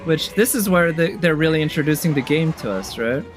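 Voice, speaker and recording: A brisk, animated man with a slightly high voice hosts a tier list of game trailers, trailer music running behind him. He reacts casually and with enthusiasm, working through his thoughts aloud.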